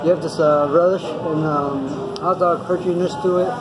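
A man reviewing food in a casual vlog while chewing, halting with many fillers and pauses. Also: on the high side, steady tone, low-quality recording. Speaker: food vlogger. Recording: loud music behind. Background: loud music.

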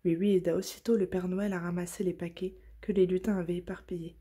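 Gentle breathy woman reading a bedtime story. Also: fairly low pitch, little pitch movement. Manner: soft, gentle and breathy, slow at tender moments. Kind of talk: reading a children's story aloud.

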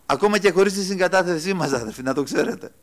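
A man delivers a church sermon in a high-pitched voice. He calls his listeners brothers. He swings between loud, ringing exclaiming and quiet, dropped asides. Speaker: preacher.

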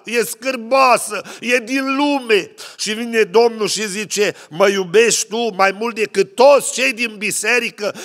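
Male preacher, high-ish voice, storytelling sermon, long church-hall reverb. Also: a bit bright. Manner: preaching with stories, acting out quoted voices.

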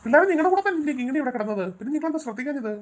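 A woman plays a worried cartoon father with a fairly high voice that swings widely in pitch. He talks quickly and calls out anxiously, yet tries to reassure the kids. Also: lively intonation, heavy background noise. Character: anxious father searching for his daughter. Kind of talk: cartoon voice acting.

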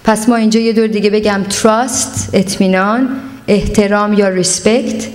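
A woman's voice: mid-range voice, steady tone, darkish tone. Woman giving a parenting seminar. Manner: earnest advice, mixes in English words. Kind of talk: seminar lecture. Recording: long hall reverb.

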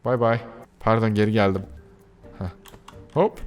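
A young man giving casual commentary on a game he plays, excitable and often breaking into shrieking outbursts. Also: fairly low pitch, measured pace, clear, resonant tone, soft background music. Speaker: gaming YouTuber. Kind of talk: casual Let's Play commentary.

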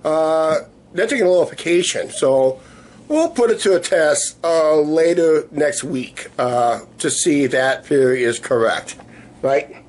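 A man in his fifties chatting casually to camera in a rambling, halting way, his voice weak and sore after illness. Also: a little high, lively intonation, a little mellow. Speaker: vlogger. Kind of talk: casual video diary chat. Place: small living room, indoors. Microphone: camera at arm's length. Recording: noisy room ambience on camera mic.

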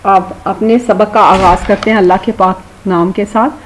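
A woman's voice: mid-range voice, fairly even intonation, slight background noise, rough recording. A woman teaching children a beginner Urdu lesson, spelling words out letter by letter and praising them as she goes. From Pakistan. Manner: drawn-out, slow spelling of words, warm coaxing praise.

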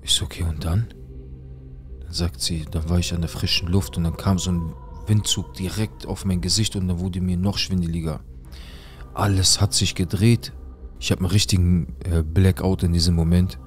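A man's voice: low voice, fairly even intonation, normal speed, faint music behind. A man telling his own story in an intense, emotional way, acting out the dialogue as he goes. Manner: retells events with quoted dialogue, intense and heated. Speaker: guest recounting a personal experience. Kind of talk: emotional first-person account.

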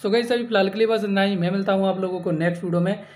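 Speaking rapid-fire in a high, steady voice with a darkish tone, a man hosts a tech tutorial channel. His step-by-step phone app guide addresses viewers as friends and circles back over the same points.

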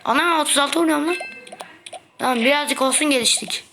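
A young woman playing a mobile game and giving excitable, trash-talking commentary, playfully complaining as she goes. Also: sits high, a little fast, a little hiss or hum. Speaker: gaming video host. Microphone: phone.

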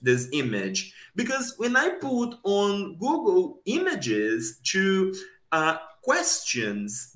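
A young man giving an academic conference talk over a video call, slow and deliberate, posing rhetorical questions. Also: high voice, bright, forceful tone. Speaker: conference presenter. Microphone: webcam on video call. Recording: echoey room.

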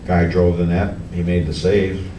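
A middle-aged man, a hockey coach, answering reporters at a post-game press conference, halting with many restarts and fillers. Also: low-pitched, little pitch movement, dark tone. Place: press room in front of a team backdrop. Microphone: table mic on a stand, heard from a camera farther off. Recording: echoey room, distant camera, background noise.

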